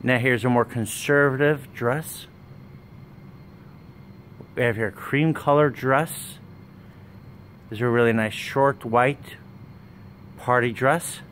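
A man, running a wholesale business, giving a plain walkthrough sales pitch in a warehouse, listing items one by one while filming on a handheld phone. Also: slow, pauses often, fairly bright tone, a little hiss or hum. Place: indoor warehouse with dress racks. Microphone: handheld phone camera, speaker off screen.

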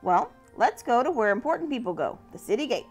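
A woman voicing an eager, excitable little boy mouse with a squeaky manner. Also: fairly quick, husky, soft background music, full character voice.

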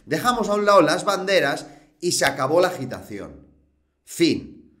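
A man's voice: fairly high pitch, very animated, normal speed, fairly bright tone. A man, hosting a show and rebutting a rival in a combative, scolding, mocking tone. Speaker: host. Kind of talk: reaction rebuttal.

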